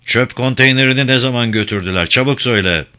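A man reading aloud voices a gruff, sardonic male police detective with a dry, grumbling manner. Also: mid-range voice, quick pace, bright, forceful tone, natural voice.

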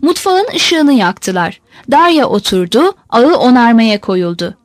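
A woman narrates a novel in a measured, expressive audiobook reading. Her voice sits high and moves with wide, lively swings. The recording is close and dry, with no room sound. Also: dry recording.

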